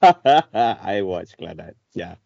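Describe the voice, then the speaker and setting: Halting, laughing man on a lo-fi podcast. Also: low-pitched, sing-song, creaky, mellow, no room sound. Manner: halting, repeats himself, laughs often. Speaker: podcast co-host. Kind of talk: casual chat. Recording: dry, dull lo-fi sound.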